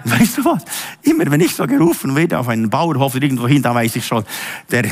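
A man preaching a charismatic sermon, fervent, pitching his voice up and down for emphasis and speaking straight to his listeners. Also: very animated, fast.

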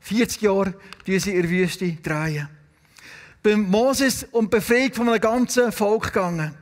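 A man with a Swiss German accent preaches a sermon, his voice sitting high for a man. He tells the stories in a lively way and turns to the congregation with questions. A long reverb from the hall trails after each phrase. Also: moderate pace. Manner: storytelling, asks the congregation questions.

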